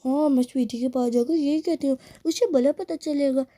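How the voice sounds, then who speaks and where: A woman's voice: high-pitched, moderate pace, mellow, lightly acted. A woman voicing a sneaky tattletale girl doll who schemes and talks asides to herself, in a doll play story. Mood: scheming.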